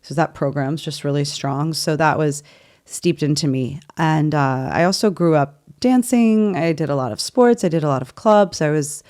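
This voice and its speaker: A woman's voice: deep voice, moderate pace, darkish tone. A woman in her thirties from Virginia, chatting playfully and openly as a podcast guest. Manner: chatty, playful, laughs easily. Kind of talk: casual interview chat.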